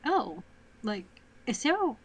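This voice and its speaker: A woman's voice: a little high, big pitch swings, slow, breathy edge. A woman playing a tabletop game, curious and tentative in casual chat. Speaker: player.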